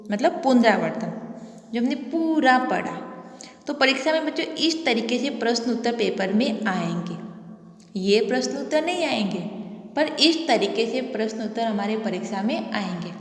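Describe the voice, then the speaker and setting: A woman teacher going over a revision worksheet with children, asking questions and answering them herself in a patient way. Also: a little high. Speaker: school teacher. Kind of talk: online lesson going through a worksheet. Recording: echoey room with long reverb.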